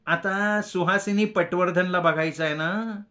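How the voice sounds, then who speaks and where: A man's voice: high-pitched, steady tone, unhurried, pushed and bright, voice pushed up. A man voicing an older mother who fusses and coaxes her son. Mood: coaxing. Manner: coaxing, fussing. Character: fussing mother, older woman.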